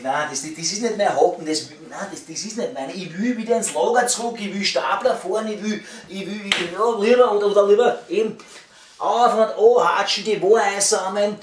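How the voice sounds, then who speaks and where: A man's voice: high-pitched, slight background noise. A middle-aged man with a Viennese accent rambles casually and grumbles in coarse, repetitive language, like a waiter venting about work. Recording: echoey room, distant microphone.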